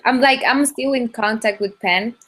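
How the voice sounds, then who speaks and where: A young woman from Ecuador talks in a casual interview. Her English comes in halting bursts, full of restarts and fillers. Her voice comes through a video call. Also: a little high, a bit bright, husky. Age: young adult. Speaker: guest singer.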